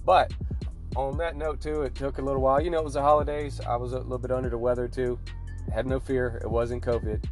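A man with a mid-pitched voice hosts a sports podcast. He is chatty and informal, circling back on his own phrases, over a clearly audible music bed. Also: little pitch movement, fast. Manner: chatty, repeats himself, informal. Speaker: podcast host. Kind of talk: casual sports podcast talk.

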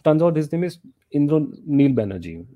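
A man's voice: fairly high pitch, big pitch swings, moderate pace, mellow, no echo, muffled recording. A middle-aged man with a North Indian accent telling stories as an interview guest, repeating himself and often saying "you know". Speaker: interview guest, journalist and author. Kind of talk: casual interview, storytelling.

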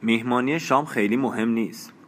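A man reading the part of a calm, mysterious stranger who speaks in a flat, dismissive way. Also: medium pitch, a little hiss or hum, natural voice. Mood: detached.

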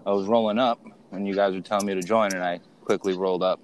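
A man's voice: deep voice, steady tone, quick pace, a little hiss or hum. A man in his twenties chatting on a family podcast over a remote call, laid-back and often repeating himself. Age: 20s. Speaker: podcast co-host. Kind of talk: casual chat among family.

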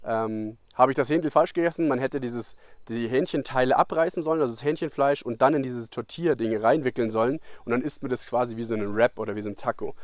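A young man talks loosely in a casual solo podcast, drifting between thoughts and filling gaps with fillers and restarts. His voice sits at an ordinary middle pitch. The recording is dry and close, with no room sound. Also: quick pace, dry recording. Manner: rambling, many fillers and restarts, colloquial. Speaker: podcast host. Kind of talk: casual rambling monologue. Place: abroad in Costa Rica.

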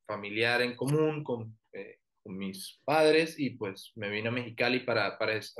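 Orthodontist guest, man, Colombian coastal accent, easygoing, halting delivery, mid pitch. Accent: Colombian Caribbean coast. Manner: relaxed, frequent fillers and restarts. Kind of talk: professional interview and presentation.

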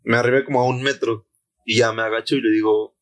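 A young man with a Mexican Spanish accent telling a story in casual chat, slangy and animated, acting out the voices he quotes. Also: medium pitch, fast. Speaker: podcast co-host.

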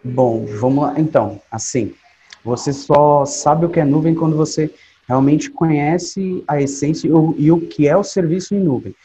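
A man's voice: on the high side, moderate pace, warm tone. A man in his late twenties with a Brazilian Portuguese accent, chatting casually as an interview guest, peppering his talk with slang and tag questions. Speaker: podcast guest, DevOps specialist. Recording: dull lo-fi sound, faint noise.

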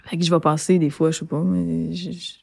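A woman's voice: low-pitched, little pitch movement, vocal fry, darkish tone, husky. Québécois singer-songwriter, woman, casual and reflective, lots of restarts. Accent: Québécois French. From Quebec. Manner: reflective, halting with many restarts. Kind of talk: casual interview chat.

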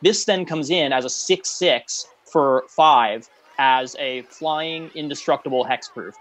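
A man's voice: medium pitch, slow pace, a bit bright. A man co-hosting a casual chat about game cards, blunt and sarcastic with frequent laughs. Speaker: co-host reviewing cards.

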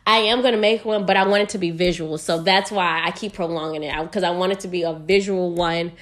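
A woman's voice: lowish voice, steady tone, fast. A young American woman hosting a casual solo podcast, talking frankly and energetically with plenty of profanity. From United States. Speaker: podcast host.

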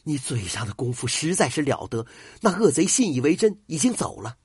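A man's voice: mid-range voice, sing-song, fairly quick, darkish tone, slightly rough, dry recording, clean studio sound. A man voicing an earnest, anxious young male servant who stumbles over his words.

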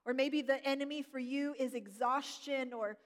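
A middle-aged woman pastor preaching a sermon, gentle and reflective, slowing down to stress key words. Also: sits high, steady tone. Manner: gentle, reflective, slows for emphasis. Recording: long hall reverb.

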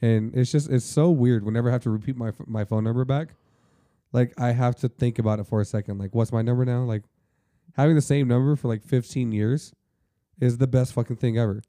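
A man's voice: medium pitch, steady tone, dark tone, no room sound, clean studio sound. A man co-hosting a casual podcast, blunt and profane in his remarks. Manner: blunt, profane, quick reactions. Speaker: podcast co-host. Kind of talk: casual chat.

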